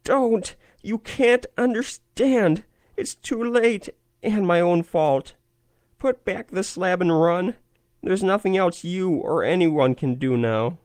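A man voicing a terrified man trapped underground, with a shaky, hoarse voice and frantic, pleading shouts. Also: sits high, expressive, takes it slowly, no echo, studio quality, pitched above the performer's own voice. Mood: panicked.

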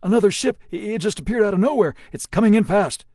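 Guy doing a jumpy ship crewman, high voice, shouty reports. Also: quick pace, no echo, clean studio sound. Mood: alarmed. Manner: urgent, alarmed reports.

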